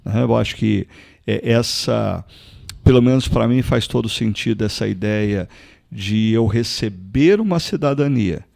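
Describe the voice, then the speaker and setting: Male pastor from Brazil, low gravelly voice, dry close sound, reflective and hesitant. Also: unhurried, darkish tone, dry recording. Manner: thoughtful, hesitant restarts. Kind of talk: casual chat.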